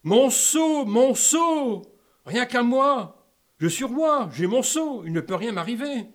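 A man's voice: very high-pitched, sing-song, normal speed. A man doing a whiny, childish king. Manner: petulant, sing-song, capricious. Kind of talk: comic radio sketch.

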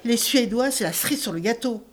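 A woman's voice: fairly high pitch, animated, brisk, close to an everyday voice. An actress playing an irritable, bored woman in a stage-play dialogue, speaking in clipped, insistent, repeated phrases. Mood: irritated, insistent. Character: restless, irritable, bored woman fed up with theatre and hospital visits.

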